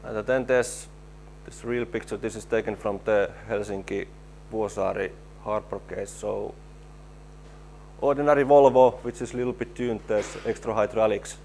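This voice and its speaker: A low, gravelly voice from a man, talking through a technical conference presentation. He stops and restarts often, repeating words as he works through each slide, and a faint hum sits under him. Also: fairly even intonation, dark tone. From Finland. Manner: halting, repeats words while explaining slides. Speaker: presenter, stabilization engineer.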